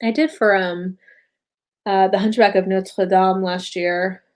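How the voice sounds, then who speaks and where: A woman's voice: mid-range voice, steady tone, slow. An American woman hosting a casual live stream about books, tired after a long day, rambling with many fillers and self-corrections and often laughing. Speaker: booktube host.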